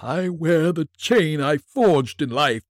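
A man voicing the ghost of an old businessman, chained and tormented, in slow, mournful declamation in a storybook reading. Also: on the high side, lively intonation, no room sound, studio quality, voice pushed up. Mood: solemn, grave.

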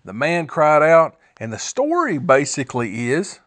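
A man's voice: on the high side, wildly swooping pitch, a little slow, a bit bright, no echo. A man giving an earnest, informal devotional talk, rambling and correcting himself as he shares his notes. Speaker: podcast host sharing devotional notes.

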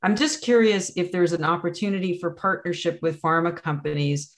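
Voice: medium pitch, steady tone, a little fast. An interview host who asks long, winding questions, often adding "you know" and "if you will.".

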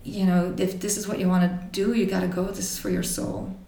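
A woman in her forties from Belgium, telling her life story to an interviewer in a thoughtful way, with many pauses and restarts. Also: medium pitch, little pitch movement, gravelly, dark tone, roomy sound, far from the mic. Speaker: interview guest. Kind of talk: reflective personal storytelling.

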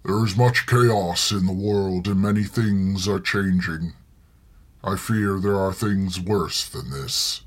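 A vast old dragon from a spoken storybook, calm and weary, rumbling in a low, husky voice that a man puts on. He takes his time over every word, heavy and measured. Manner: deep rumbling, slow and measured. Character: huge ancient male dragon, calm and world-weary.

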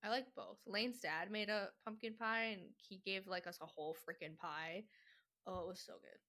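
Bright-voiced young woman chatting casually. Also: mid-range voice, normal speed. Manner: chatty, animated, laughs easily. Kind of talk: casual chat.

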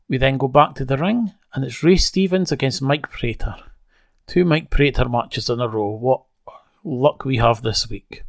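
A man's voice: medium pitch, creaky, no room sound, studio quality. A man casually recapping an old wrestling broadcast, conversational with wry asides. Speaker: wrestling show reviewer.

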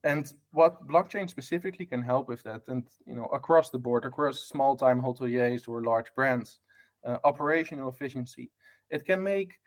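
A hospitality tech lead from the Netherlands speaks with a Dutch accent as a guest on a casual podcast about hotel technology, full of fillers and restarts and ending points with "right?". His voice is medium-pitched at normal speed.

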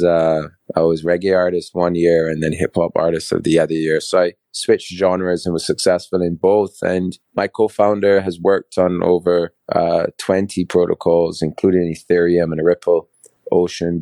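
Deep gravelly man, podcast guest. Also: steady tone, moderate pace, dark tone, dry recording. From Barbados. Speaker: guest, crypto co-founder. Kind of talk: podcast interview.

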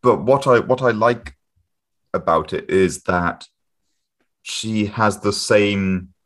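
A man with a very deep voice joins a podcast as a guest. He chats in a relaxed way and laughs often. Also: takes it slowly. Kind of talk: casual chat.

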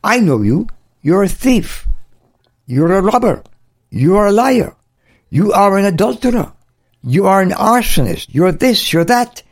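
A man's voice: sits high, big pitch swings, unhurried, pauses often, pitched above the performer's own voice, exaggerated voice. A man voicing a male devil who whispers accusations, in a taunting, rising way. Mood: accusing.

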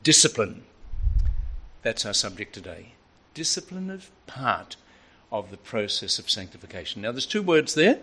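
An older man preaching a sermon, telling a family story with a lively, varied delivery. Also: fairly low pitch, normal speed, slightly rough.

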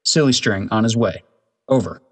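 A brisk school office woman barks clipped radio code over a walkie-talkie, as a male narrator reads her lines. The voice stays low and plain, as in a read-aloud storybook. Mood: urgent.

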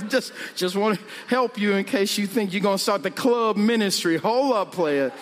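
Pastor guy preaching, jokey and chatty, slows down then shouts the big points, long church echo. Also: high-pitched, steady tone, slight background noise. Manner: humorous, conversational, slows and builds to shouts on key points. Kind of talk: sermon.

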